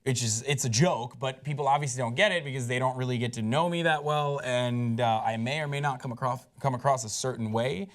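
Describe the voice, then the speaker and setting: A man co-hosting a pop culture show, chatting casually and sounding animated and incredulous, with lots of "like"s. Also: mid-range voice, brisk, few pauses. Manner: animated, incredulous, rambling with many "like"s. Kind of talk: casual panel chat.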